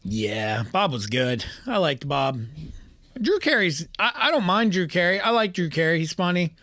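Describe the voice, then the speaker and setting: A man in his thirties co-hosts a podcast in loose, joking chat, laughing often and swearing freely. His voice sits high and swings widely in pitch. The sound is dry and close, with no room around it. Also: normal speed, no room sound. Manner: laughing, swearing, animated ranking banter. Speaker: podcast co-host. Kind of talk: casual chat.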